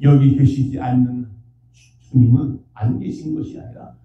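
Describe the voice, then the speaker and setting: A man preaching a sermon, emphatic, at times rising to a shout. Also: medium pitch, fairly even intonation, normal speed, a little hiss or hum. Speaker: pastor. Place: church sanctuary. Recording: dull, echoey church sound from far off.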